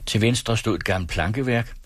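A man hosting a radio program, reading a novel aloud in calm, measured narration. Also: fairly low pitch, no echo. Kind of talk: literary read-aloud narration. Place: radio studio.

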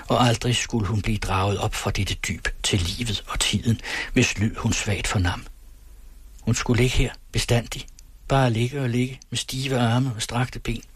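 A man narrating a novel as an audiobook in a measured, steady way. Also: on the low side, breathy edge, no echo. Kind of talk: audiobook reading.

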